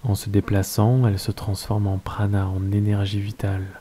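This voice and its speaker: Calm deep-voiced man guiding meditation. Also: husky. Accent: French. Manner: slow, calm, soft-spoken instructions. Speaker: meditation guide. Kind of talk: guided yoga nidra meditation.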